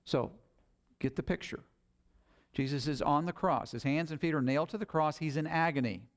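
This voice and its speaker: A man's voice: on the high side, normal speed. A man preaching a sermon, retelling scripture in plain, conversational paraphrase.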